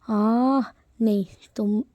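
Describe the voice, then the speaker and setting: A woman voicing a flustered young husband who protests in breathy, stammering half-whispers. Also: steady tone, very slow, mellow, dry recording. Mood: protesting. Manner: breathy, stammering, slightly higher whispered pleas.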